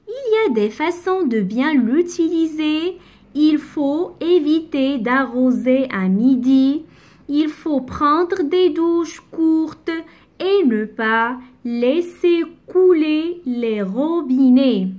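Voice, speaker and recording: A woman teacher giving a lesson, reading short sentences aloud and slowly repeating words with careful articulation. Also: sits high, darkish tone. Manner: slow, articulated dictation-like delivery, repeating words. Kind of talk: slow, careful classroom reading and explanation.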